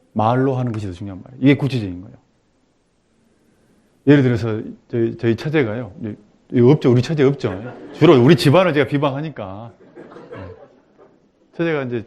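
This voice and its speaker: A male preacher gives a church teaching talk. His voice sits at an ordinary middle pitch. He drops low and soft to explain, then acts out short quotes with sudden loud, lively bursts. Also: lo-fi sound.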